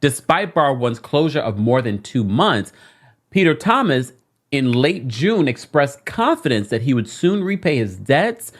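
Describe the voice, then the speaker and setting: Animated woman reading news aloud. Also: a bass voice, unhurried. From London. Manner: reads, then breaks off with indignant asides. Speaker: podcast co-host.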